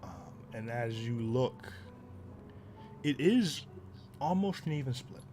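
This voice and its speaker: A man narrating a tabletop game as game master in a slow, deliberate storytelling manner. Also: medium pitch, lively intonation, a little mellow, faint music behind.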